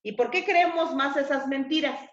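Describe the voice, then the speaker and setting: A woman preaching a sermon in a high, bright register. She keeps checking in with her listeners through short rhetorical questions. The sound carries a roomy echo and a slightly muffled, lo-fi quality. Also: moderate pace. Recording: echoey, slightly dull room sound.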